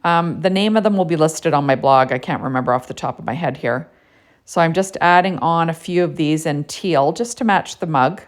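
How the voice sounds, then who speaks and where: A woman's voice: low-pitched, moderate pace. A woman narrating a casual card-making tutorial in a chatty way, with lots of "you know" and "right?".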